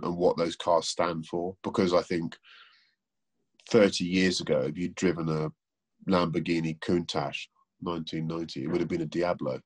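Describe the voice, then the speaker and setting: A man's voice: low-pitched, husky. A man, a car presenter, giving opinionated, thoughtful answers in a casual interview over a remote call, with frequent restarts. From England.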